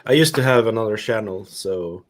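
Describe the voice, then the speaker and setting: Man, Swedish accent, native Swedish speaker, low voice, friendly, hunts for words, casual stream guest. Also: expressive, normal speed. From Sweden. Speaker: guest channel owner. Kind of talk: casual live-stream chat.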